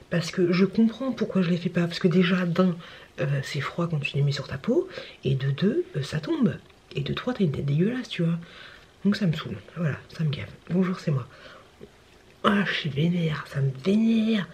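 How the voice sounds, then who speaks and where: A woman's voice: fairly low pitch, a little mellow, slight background noise. Chatty woman vlogging at home. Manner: chatty, grumbling, often drops to a half-whisper. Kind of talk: casual vlog chat to camera.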